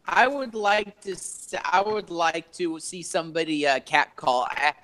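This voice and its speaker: A man's voice: on the high side, pushed and bright. Guy on a laggy voice call, audio breaking up and choppy, keeps restarting what he's saying. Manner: halting, restarts his point, confused by lag. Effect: choppy online call audio breaking up. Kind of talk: casual group chat on a voice call.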